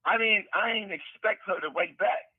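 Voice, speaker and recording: Over a tinny prison phone handset, a middle-aged man who is an author and interview guest spins casual stories at a moderate pace. His high-sitting voice has a breathy edge and no echo, and he wanders loosely, repeating words and using street slang.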